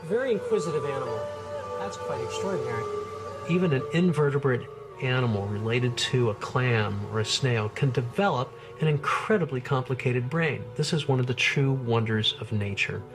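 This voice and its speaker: Scientist guy in a documentary, excited and marveling, middle-pitched voice, music underneath. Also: normal speed. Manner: enthusiastic, marveling. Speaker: marine biologist, interview subject. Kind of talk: unscripted explaining for a documentary.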